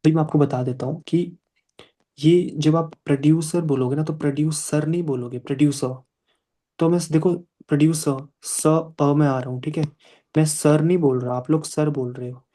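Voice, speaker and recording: A man in his young adult years runs a live pronunciation class, switching between Hindi and English. He speaks in a mellow, fairly even voice. He stays patient and drags out words to show how they should sound. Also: on the high side. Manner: patient, repeats words slowly to demonstrate sounds.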